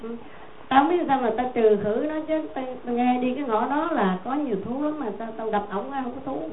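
A woman voicing an angry, hot-tempered male hunter who curses roughly. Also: sits high, fairly quick, a little hiss or hum, natural voice. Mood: resentful. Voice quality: rough, cursing. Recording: echoey tinny phone-like sound.

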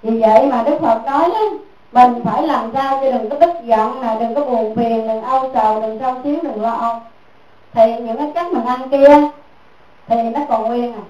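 A woman's voice: on the high side, moderate pace, dark tone, highs cut off, faint music behind. A woman giving a Buddhist dharma talk as a teacher, repeating her points and asking listeners "right?" again and again. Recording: echoey room, mic far off.

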